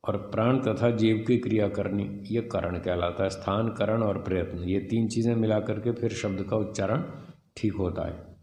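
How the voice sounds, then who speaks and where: A man teaching a scripture class, reading a passage and explaining it slowly, sounding out letters one by one. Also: fairly low pitch, fairly even intonation, darkish tone, echoey room, long reverb tail. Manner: slow, deliberate, spells out sounds and letters. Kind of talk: explanatory lesson reading and commenting on a text.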